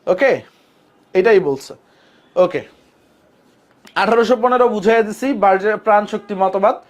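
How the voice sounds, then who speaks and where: A man's voice: sits high, moderate pace. A man. He talks casually and repeats each point. He quizzes the class and then gives the answer himself. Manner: repetitive, asks students questions and answers them; colloquial Bangladeshi speech. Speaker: chemistry teacher. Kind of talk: classroom lecture.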